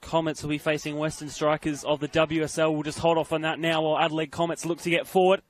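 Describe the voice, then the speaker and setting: A man giving live, excitable football play-by-play commentary. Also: on the high side, fast.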